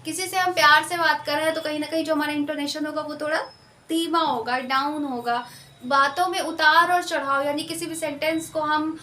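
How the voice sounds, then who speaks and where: A woman teacher with an Indian accent, giving an exam-prep lecture and slowly explaining key terms, repeating them and mixing in English words. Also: high-pitched, fairly even intonation, bright, forceful tone, reverberant.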